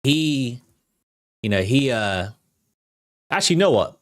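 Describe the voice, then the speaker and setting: On a live entertainment news livestream, a male host gives casual commentary, talking conversationally and straight to his viewers. His mid-range voice is very animated yet unhurried, and the recording is dry with clean studio sound.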